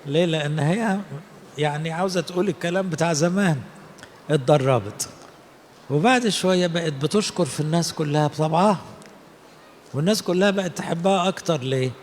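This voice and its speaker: Egyptian priest preaching in echoing cathedral. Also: male voice, a little high, a little fast, pauses often, slight background noise. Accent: Egyptian Arabic. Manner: storytelling, acting out quoted people. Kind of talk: sermon.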